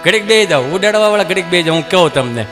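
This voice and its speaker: A man's voice: sits high, lively intonation, very fast, over music. A man performing a live stand-up comedy routine, chatty and acting out little dialogues.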